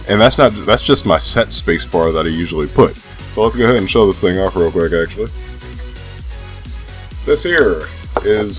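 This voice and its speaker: A young man with a stuffy nose from a cold, rambling casually and swearing freely as he vlogs about gaming. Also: lowish voice. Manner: laid-back, profane, hesitant rambling. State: sick with a cold. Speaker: gaming vlogger.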